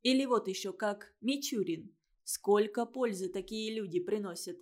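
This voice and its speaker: A woman reading a story and voicing a stubborn, dreamy schoolboy in a thoughtful, quiet way. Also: medium pitch, normal speed, lightly acted.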